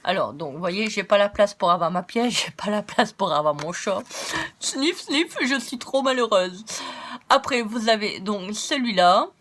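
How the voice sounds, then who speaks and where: A woman's voice: mid-range voice, lively intonation, normal speed, hardly any pauses, a bit bright. A French woman chatting through a craft-supply haul, laughing often, joking about herself and thinking aloud with lots of fillers. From France. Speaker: craft vlogger. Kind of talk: casual haul chat.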